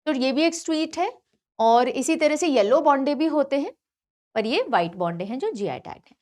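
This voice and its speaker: A woman teaching an online exam-prep lecture, talking in an animated way, repeating key names and mixing English terms into her Hindi. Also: sits high, normal speed. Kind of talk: online lecture for competitive exams.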